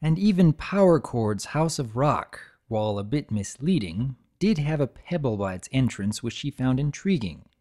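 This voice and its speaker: A man reading a story aloud as scripted dramatic narration, in a measured, expressive storytelling manner. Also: mid-range voice.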